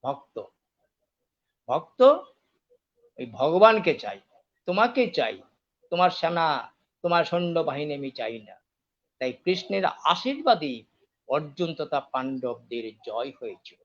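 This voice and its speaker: A man telling a devotional story in an animated way, acting out the dialogue. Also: fairly high pitch, a little slow, pauses often, lo-fi sound.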